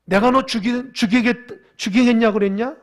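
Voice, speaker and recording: A man voicing God as a stern deity, slowly firing loud, confronting questions at the listeners. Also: very high voice, voice pushed up. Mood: rebuking. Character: rebuking God, stern demanding male deity.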